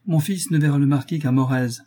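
Male reader doing a composed, commanding noble mother, firm, mellow husky tone. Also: medium pitch, normal speed, lightly acted. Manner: calm, firm and authoritative.

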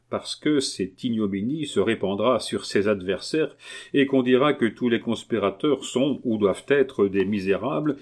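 A man reading a novel aloud, voicing an earnest, persuasive gentleman who speaks in a calm, measured way. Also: mid-range voice. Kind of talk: audiobook reading.

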